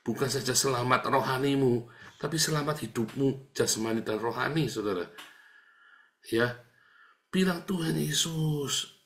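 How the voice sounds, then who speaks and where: A middle-aged man preaching a sermon in a relaxed, conversational way. He often turns to address his listeners, rising to emphatic lines and dropping to a quiet murmured prayer. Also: medium pitch, normal speed, pauses often. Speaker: pastor.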